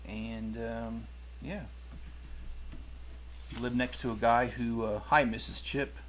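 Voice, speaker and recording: A middle-aged man hosts a toy-building stream from his rural home, chatting casually with viewers and rambling, correcting himself as he goes. His voice is medium in pitch with fairly even intonation and a slow pace, and a slight hiss or hum sits under the audio.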